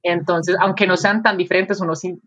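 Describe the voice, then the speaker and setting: A woman chats casually as a podcast co-host, upbeat and full of stories. Her voice is husky and rather low. The recording sounds dull and lo-fi. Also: fairly even intonation, fairly quick, fairly bright tone. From Colombia. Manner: chatty, upbeat storytelling.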